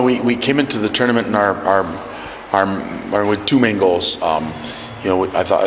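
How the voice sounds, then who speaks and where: A middle-aged man, a national team coach, giving a measured postgame interview in an arena press area and often repeating words as he searches for phrasing. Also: on the low side. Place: indoor arena press area by a sponsor wall. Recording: echoey arena hall with noise.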